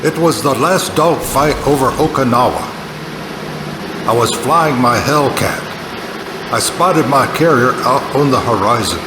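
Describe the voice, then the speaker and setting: An actor playing a brooding, melodramatic war-veteran pilot hero in a 1950s sci-fi parody. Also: male voice, mid-range voice, lightly acted. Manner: overwrought, brooding, dramatic storytelling. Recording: echoey hall, clearly noisy.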